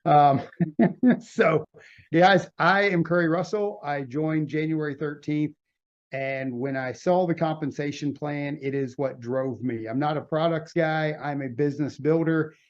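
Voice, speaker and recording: A man's voice: fairly high pitch, steady tone, a little slow, dull audio. A man leading a network marketing team call, talking in a casual, emphatic and repetitive way. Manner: casual, chatty. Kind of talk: motivational call talk.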